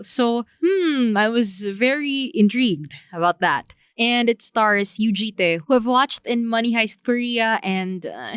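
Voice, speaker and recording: A woman's voice: mid-range voice, smooth, no echo, clean studio sound. A woman hosting a podcast, talking casually on her own in an informal review, chatting directly to her listeners. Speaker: podcast host. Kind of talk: casual solo drama review.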